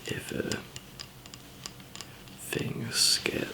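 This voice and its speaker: In an ASMR roleplay, a man plays a survivor, softly whispering and murmuring as he explains things gently and haltingly. His voice is gravelly, blending soft whispers with a low murmur, as he acts out a survivor camp member handing out supplies.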